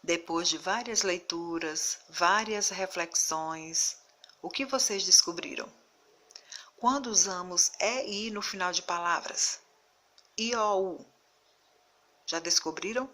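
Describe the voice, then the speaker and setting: Teacher lady doing a video lesson, super slow, bright voice, leans hard on syllables in word lists. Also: fairly low pitch. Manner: slow, deliberate, stressing syllables while reading word lists.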